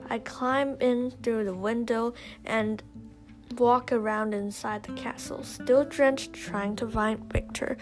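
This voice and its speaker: Slow, whispery woman storyteller. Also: a little high. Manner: slow, often dropping to a whisper. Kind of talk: first-person story reading.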